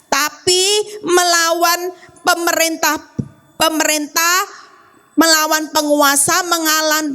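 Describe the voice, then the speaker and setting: A woman evangelist preaching a sermon in a lively way to a church congregation, acting out the voices she quotes. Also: high-pitched. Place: church hall, on-site service.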